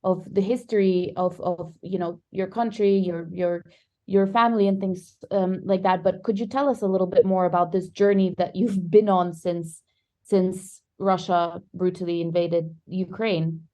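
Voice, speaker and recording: A woman's voice: fairly low pitch, steady tone, normal speed, dark tone. A woman hosting a podcast who asks long, curious questions and repeats words as she frames them. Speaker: podcast host. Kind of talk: interview questions.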